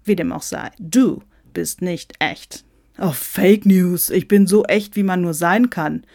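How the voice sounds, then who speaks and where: A woman's voice: fairly low pitch, takes it slowly, creaky, a little mellow, full character voice. A woman voicing a boastful, big-bellied in a storybook reading, brash and showy. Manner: brash, showy, mixing in English phrases. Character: boastful American Santa Claus, older man with a big belly.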